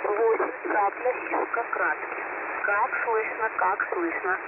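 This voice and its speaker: A radio operator speaks over a crackling radio link, reading out names and numbers one at a time. The pace is slow and measured, and the pitch rises and falls a lot from word to word. The sound is thin and phone-like, with loud static behind it. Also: wildly swooping pitch, vocal fry. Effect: heard over a radio transmission. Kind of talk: reading coded call-outs over the air. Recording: tinny, noisy radio transmission.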